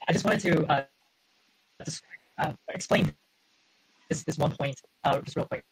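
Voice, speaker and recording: A man's voice: a little high, measured pace, gravelly, breathy edge, low-quality recording. A man in a casual online group discussion, heard over a call connection that keeps breaking up, talking hesitantly and starting over with fillers. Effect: choppy audio from a call connection that keeps breaking up. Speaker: discussion participant. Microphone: video call.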